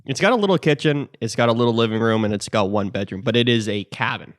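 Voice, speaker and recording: A man's voice: mid-range voice, fast, no echo, clean studio sound. A young man telling stories on a casual podcast, swearing freely and laughing often. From Canada. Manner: profane, laughs often, storytelling. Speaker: podcast co-host.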